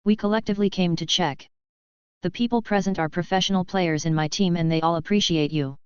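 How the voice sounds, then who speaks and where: A woman's voice: fairly low pitch, brisk, clean tone, no room sound, lo-fi sound, natural voice. A woman voicing a cheerful, sincere young male team captain in an audiobook. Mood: friendly. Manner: friendly, sincere, encouraging.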